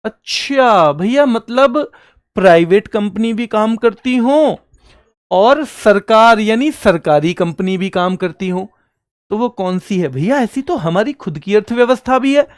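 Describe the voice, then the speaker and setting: A man's voice: high voice, expressive, measured pace, no echo, clean studio sound. A male exam coaching teacher giving an online exam-prep lecture, quizzing students and answering his own questions. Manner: quizzing students, calling them beta and bhaiya.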